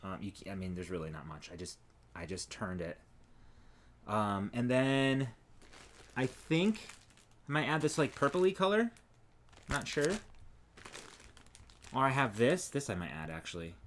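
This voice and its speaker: A man's voice: medium pitch, unhurried, long pauses. Male podcast co-host, easygoing, shows his crochet while chatting. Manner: relaxed, trails off and restarts while showing work. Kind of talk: casual chat about crochet.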